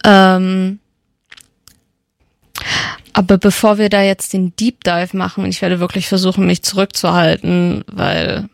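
Slow-talking gravelly woman radio host. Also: fairly low pitch, no echo, clean studio sound. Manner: chatty, enthusiastic fan talk with many fillers. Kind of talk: casual radio chat about K-pop.

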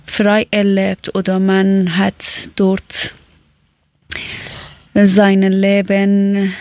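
A woman's voice: mid-range voice, darkish tone, dry recording. A woman from Iran hosting a casual talk, speaking hesitantly in a learned language and often searching for words.

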